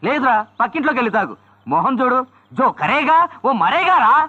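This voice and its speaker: A man's voice: extremely high pitch, very animated, fairly quick, pushed and bright, a little hiss or hum, full character voice. A man playing the hero's joking friend, with teasing quips and mock-solemn speeches. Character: wisecracking male friend, mock-dramatic jester. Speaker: comic friend of the hero. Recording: slightly dull film soundtrack.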